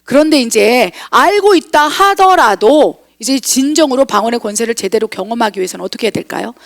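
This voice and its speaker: A woman missionary pastor preaching an impassioned sermon, rising to exclaimed scripture and dropping to quiet asides. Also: fairly high pitch, vocal fry. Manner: calls herself tone-deaf.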